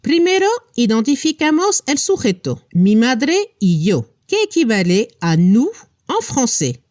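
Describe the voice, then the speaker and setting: A woman teaching a language lesson, explaining step by step and slowly drawing out each example word. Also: fairly high pitch, sing-song, darkish tone, no echo, studio quality. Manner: slow, careful, drawing out example words.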